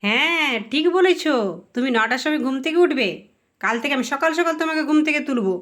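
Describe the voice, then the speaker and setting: Rich: A woman with a somewhat high voice speaks as a doting mother in a playful home role-play. She sounds soothing and gently teasing. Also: expressive, fast talker.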